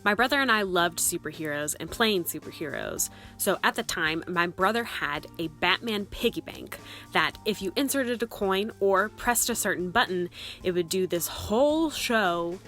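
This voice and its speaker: A woman in her thirties telling spooky personal stories as a casual vlogger, with animated emphasis and dramatic pauses. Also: on the low side, soft background music. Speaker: storytelling vlogger.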